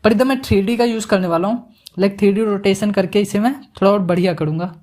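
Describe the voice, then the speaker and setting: A man giving a casual, joking software tutorial, mixing English words into his Hindi as he works. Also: high voice, steady tone, fast. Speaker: animation tutorial instructor.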